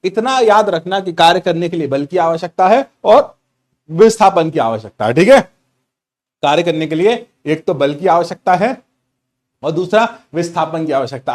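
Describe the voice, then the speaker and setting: A middle-aged man teaching a physics class online, playful and repeating each key point to his students. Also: high-pitched.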